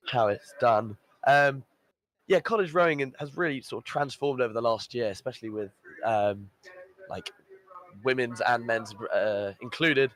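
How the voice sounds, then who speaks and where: Male lead commentator, mid-pitched, upbeat and enthusiastic, relaxed filler-filled delivery. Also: poor audio. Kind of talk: live event commentary.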